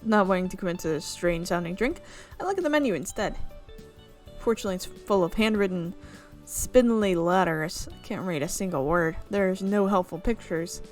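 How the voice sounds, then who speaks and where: A young woman with a voice on the low side reads a visual novel aloud as a let's player, expressive and at normal speed. She breaks off for chatty, amused remarks about the script, adding casual commentary while faint music plays behind.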